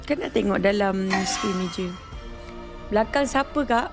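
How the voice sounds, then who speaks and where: A woman's voice: mid-range voice, normal speed. A woman with a Malaysian accent chatting casually and informally on a livestream. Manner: informal, chatty, uses local particles. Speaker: live game streamer. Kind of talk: casual livestream chat, mixing Malay and English. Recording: music behind the voice. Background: music.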